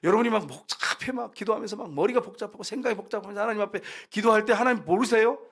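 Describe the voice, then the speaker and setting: A man's voice: sits high, rapid-fire, fairly bright tone, husky. A man preaching a sermon as pastor, talking to the congregation and acting out quoted lines from scripture. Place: church sanctuary.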